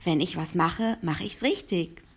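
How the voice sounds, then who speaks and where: A woman's voice: on the low side, measured pace, husky. A woman reading aloud and voicing a brash, streetwise boy who gives bossy, slangy orders. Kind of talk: reading a children's novel aloud.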